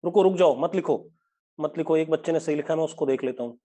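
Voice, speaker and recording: Teaching physics in a live online session, a man with a fairly high, mellow voice blends English terms into his Hindi. He slows way down to dictate definitions and repeatedly asks students if things are clear.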